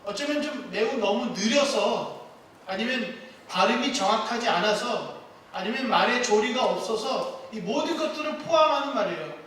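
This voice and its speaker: A man's voice: very high voice, animated, normal speed, a bit bright, distant mic. A man pastor delivering a sermon in a church, asking his congregation questions. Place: church sanctuary. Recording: very echoey hall, picked up from afar, faint noise.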